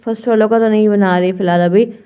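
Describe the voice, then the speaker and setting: A young woman teaches an exam-prep grammar lesson, speaking slowly and patiently and often checking in with her viewers, though her throat sounds tired and strained. Her mid-range voice keeps a steady, clean tone, and the audio is phone quality.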